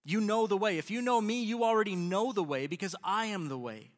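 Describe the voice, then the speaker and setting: A preacher voicing a calm male teacher who gently reassures his followers. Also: sits high, fairly quick, big-room sound, lightly acted. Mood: reassuring.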